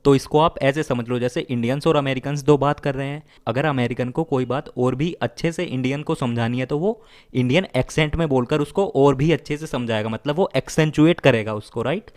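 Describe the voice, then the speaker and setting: A male teacher walking learners through word roots, mixing two languages. He restates every meaning several times and checks in with a quick "right?". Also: medium pitch, a little mellow. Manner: explains slowly, repeats meanings, asks "right?". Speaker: vocabulary teacher. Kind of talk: bilingual vocabulary lesson.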